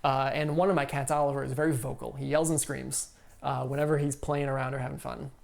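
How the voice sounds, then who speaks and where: A man's voice: mid-range voice, flat delivery, fast talker, vocal fry. A man streaming live from home, explaining a solo board game in an easygoing way and thinking aloud with lots of fillers. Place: home room.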